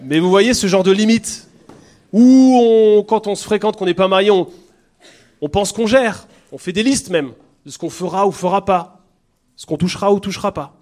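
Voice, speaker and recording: A man's voice: high-pitched, moderate pace. Earnest man with a southern French accent. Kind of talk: conversational teaching talk.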